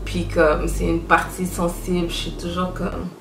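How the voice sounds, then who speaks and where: Young woman, Quebec French accent, lively casual vlog voice, echoey room, music bed. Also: on the low side, a little slow, creaky. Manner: animated, chatty, mixes in English words. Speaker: vlogger. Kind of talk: casual chat to camera.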